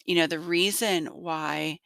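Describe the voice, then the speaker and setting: A woman in her forties hosting a podcast, congested with a slightly nasal, gruff voice, giving direct, encouraging business advice. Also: low-pitched, fairly even intonation, slow, a bit bright, no echo. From North Carolina. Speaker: podcast host. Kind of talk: solo business podcast talk.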